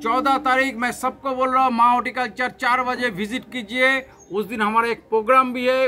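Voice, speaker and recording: An Indian man in his thirties presents a sales offer to camera. His voice is strikingly high for a man, with a bright, forceful edge. He stresses and repeats his points, mixing in English terms. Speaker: plant nursery seller and channel host. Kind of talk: promotional sales talk to camera. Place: covered open-air yard beside a house.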